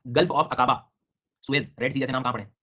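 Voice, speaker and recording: A man runs an online geography class, talking very fast and calling on students by name. His comes through as he explains and questions them. The recording is dull and lo-fi. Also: medium pitch, steady tone, pushed and bright, slightly rough. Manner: brisk, quizzing students by name. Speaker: teacher.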